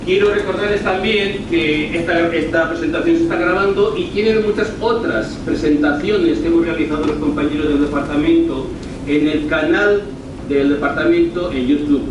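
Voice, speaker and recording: Here a middle-aged lecturer from northern Spain presents informally at a university in a slightly high voice, with a northern Spanish accent and a deliberate style full of repetition and rephrasing. A distant mic in a very echoey lecture room picks him up from afar, along with clear noise.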